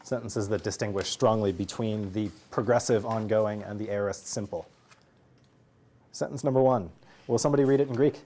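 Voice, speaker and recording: This lesson comes from a man teaching Greek grammar, his low voice warm and steady at a normal speed. Between drills he trades jokes with the class and laughs along.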